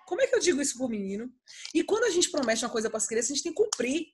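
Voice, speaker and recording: A woman's voice: sits high, big pitch swings, very fast, a little hiss or hum. A woman, telling family stories in a casual chat and animatedly acting out her kids' voices. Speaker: podcast co-host.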